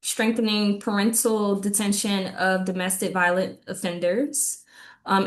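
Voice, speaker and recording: Woman giving a halting meeting update. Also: medium pitch. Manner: halting, many ums, reads list of items. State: slightly out of breath. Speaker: city government liaison giving community updates.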